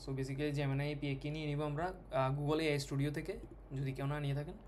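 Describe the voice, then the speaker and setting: Halting man teaching a coding lesson. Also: a little high, steady tone, a little mellow, a little hiss or hum. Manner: code-switching, halting with fillers and restarts. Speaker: programming tutor. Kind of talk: screen-recorded coding lesson.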